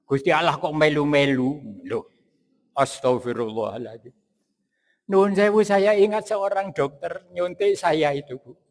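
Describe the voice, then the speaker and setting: Slow-preaching Javanese older man, echoey hall. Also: on the high side. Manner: folksy, switching to Arabic recitation. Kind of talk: sermon. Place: large meeting hall. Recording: long echo of a hall.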